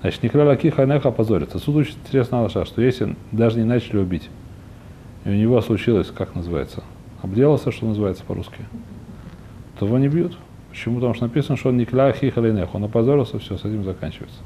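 A man gives an informal Talmud lesson at a quick clip in a mellow, fairly low voice. He repeats himself and hunts for words as he explains. The recording has a faint rumbling noise behind him. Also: low-quality recording. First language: not a fully fluent Russian speaker by own account. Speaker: religious teacher.

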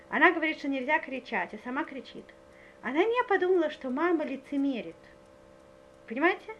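High-voiced woman giving a spiritual lecture. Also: a bit bright, highs cut off. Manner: earnest, often asks listeners if they follow; hesitant with frequent filler sounds. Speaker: religious lecturer.

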